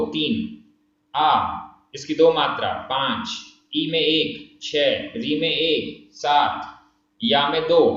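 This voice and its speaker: Man teacher, slow deliberate delivery, a bit high voice, very echoey room, dull sound. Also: fairly bright tone. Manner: patient and methodical, counts slowly syllable by syllable. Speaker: Prakrit language teacher. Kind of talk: spoken tutorial.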